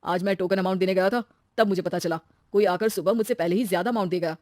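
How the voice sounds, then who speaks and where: A woman's voice: mid-range voice, fairly even intonation, no echo, studio quality, close to an everyday voice. Woman doing a hot-tempered young husband. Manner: quick to argue, loud. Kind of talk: cartoon story voice acting.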